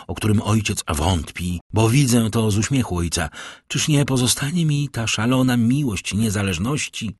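A man's voice: medium pitch, no echo, studio quality, natural voice. A man voicing a proud, scornful young woman who defies her father, in an audiobook reading. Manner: cold, haughty, defiant.

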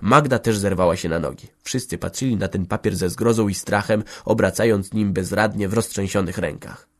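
A man narrating a literary audiobook in a steady, even manner. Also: fairly low pitch, a little fast.

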